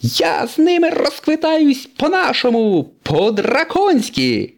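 A man's voice: very high-pitched, huge pitch swings, slow pace, voice pushed up, exaggerated voice. A man voicing a brave, heroic male race car in a read-aloud storybook, calling others to action. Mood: rallying. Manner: rallying, commanding. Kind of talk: storybook reading.

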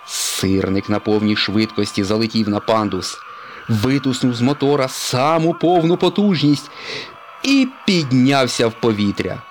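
A man narrating a children's storybook in an expressive read-aloud manner. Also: mid-range voice, unhurried, slight background noise.

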